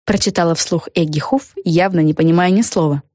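Woman reading a kids story, low voice, lively, dry close mic. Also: brisk, dry recording. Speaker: audiobook narrator. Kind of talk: scripted storybook narration.

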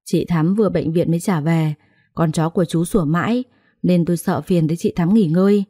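Woman voicing a spiteful sharp-tongued sister-in-law. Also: fairly low pitch, brisk, breathy edge, no room sound, studio quality. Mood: sneering.

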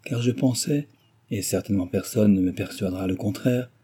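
A man's voice: fairly low pitch, a little fast, dark tone, breathy edge. A man voicing a garrulous, complaining middle-aged mother in a novel reading. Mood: peevish, rambling. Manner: rambling, complaining.

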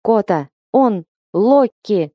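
A woman voicing a menacing, muscular blue-eyed man who speaks gruffly and scornfully. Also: medium pitch, expressive, drawn-out words, dark tone, no echo, clean studio sound. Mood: angry.

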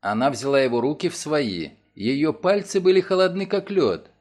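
A man narrating a detective audiobook in a measured, storytelling manner. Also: on the high side, a little mellow. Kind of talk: scripted narration.

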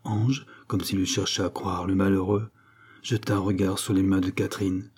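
A man reading a classic novel aloud in measured, even scripted narration. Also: low-pitched, husky. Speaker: audiobook reader.

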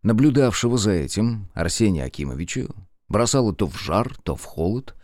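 A man narrating an audiobook with expressive storytelling. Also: lowish voice, a little fast, dry recording, studio quality.

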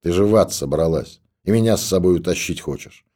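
Male narrator as a gruff, scolding stoker with a low, dark voice. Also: brisk, natural voice. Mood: stern. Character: gruff old stoker in a monastery.

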